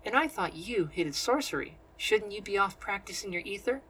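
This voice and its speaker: A man voicing a sharp, scornful woman who leads a group of sorcery practitioners, speaking in clipped, dismissive retorts in an audiobook reading. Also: high voice, expressive, normal speed, a little hiss or hum, voice pushed up, poor audio.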